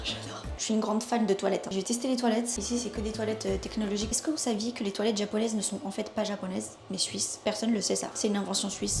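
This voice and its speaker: A young woman from Switzerland, chatting enthusiastically through a casual travel vlog. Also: a little high. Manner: chatty, enthusiastic, thinks aloud. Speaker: lifestyle vlogger. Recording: music playing under the voice.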